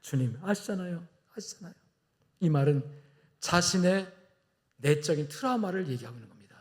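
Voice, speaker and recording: A male pastor preaching a Sunday sermon in a church, rising from quiet, tender passages to loud, impassioned exhortation. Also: high-pitched. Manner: acts out Jesus and Peter in quiet, tender asides. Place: church sanctuary.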